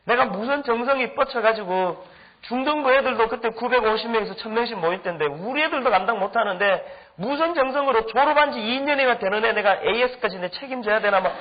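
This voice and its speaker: A middle-aged male pastor telling a humorous story in a sermon, acting out the people he quotes. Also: very high voice. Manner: animated, humorous anecdotes with acted-out quotes. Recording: dull lo-fi recording.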